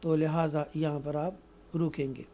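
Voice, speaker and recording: A man with a Pakistani accent teaching Quran recitation rules, alternating explanation with slow, drawn-out recited verses and often asking "right?". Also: on the high side, flat delivery, mellow. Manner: frequent checking "right?". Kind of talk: tajweed lesson, explaining and reciting.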